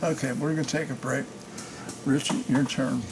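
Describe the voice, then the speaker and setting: An older man hosting a podcast interview, talking in a slow, meandering way with many fillers. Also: mid-range voice, steady tone, gravelly. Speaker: podcast host. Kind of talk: casual interview. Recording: noisy background.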